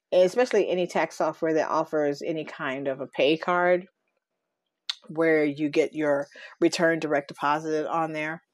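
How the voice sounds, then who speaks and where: A woman's voice: deep voice, a little mellow, dry recording. A tired middle-aged woman venting in a casual personal vlog, rambling with sighs and laughs. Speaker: vlogger.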